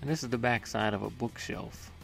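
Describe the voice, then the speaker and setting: Gravelly and a bit bright, this man's medium-pitched voice moves fairly quickly with fairly even intonation, faint music in the background. He is a home workshop maker casually narrating his build, plainly explaining each step with small hesitations.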